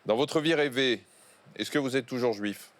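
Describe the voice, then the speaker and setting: A man hosting an interview, asking set questions in a measured, polite way. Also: mid-range voice. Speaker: interviewer host.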